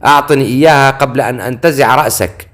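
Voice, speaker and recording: A man's voice: medium pitch, quick pace, a bit bright, close to an everyday voice. A man voicing a cold, greedy carriage driver who speaks curtly. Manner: cold, curt.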